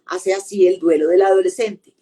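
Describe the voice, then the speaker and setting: A woman speaks as a grief counselor in an interview. Her voice is husky and a little breathy, sitting at an ordinary middle pitch, and she explains patiently, circling back to repeat her main points and lay out simple examples. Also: steady tone, moderate pace, dark tone. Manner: patient, teacherly, uses repetition and examples.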